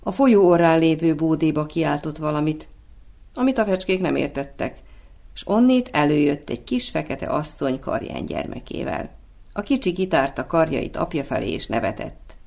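A man narrating a classic storybook in a slow, lyrical storytelling manner. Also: fairly high pitch, expressive, vocal fry, darkish tone. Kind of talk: audiobook narration of a classic novel.

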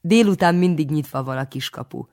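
A reader voicing a jovial village priest who gushes and exclaims in a raised, bright voice. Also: medium pitch, natural voice. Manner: gushing, keeps exclaiming. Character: jovial, effusive middle-aged village priest.

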